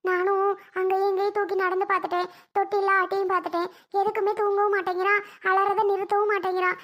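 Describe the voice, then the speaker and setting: A weary young mother in a cartoon frets over a crying baby and soothes him gently. The voice sits very high and bright, worn down by sleepless nights. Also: little pitch movement, fast. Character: tired young mother, worried about her crying baby. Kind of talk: cartoon voice acting.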